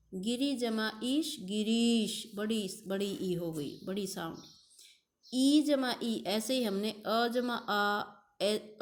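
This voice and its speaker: A woman's voice: fairly high pitch, darkish tone. A woman teacher giving a recorded grammar lesson, drawing out examples and repeating key terms.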